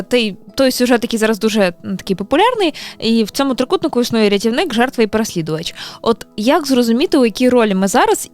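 A woman with a Ukrainian accent, hosting a radio interview and asking chatty questions full of fillers. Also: on the high side. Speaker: radio host.

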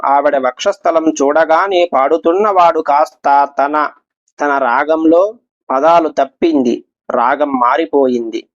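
Male devotional storyteller, expressive, slightly high voice, muffled lo-fi recording. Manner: expressive, addresses listeners directly. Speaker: religious storyteller. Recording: dull lo-fi recording.

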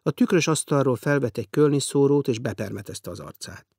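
A man narrating an audiobook in a wry, expressive storytelling manner, with a gravelly voice. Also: mid-range voice, no echo, studio quality.

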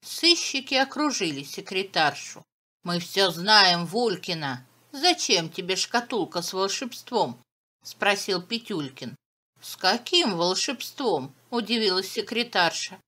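A woman's voice: mid-range voice, sing-song, measured pace, sharp tone. A woman reading a children's detective audiobook aloud, giving the characters slightly different voices. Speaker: audiobook narrator.

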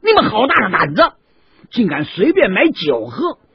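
A man voicing a wary, stern male escort officer who scolds and shouts, on a dull, dry lo-fi recording. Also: high-pitched, sing-song, unhurried, creaky, husky, dry recording, voice pushed up, full character voice. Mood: angry scolding.

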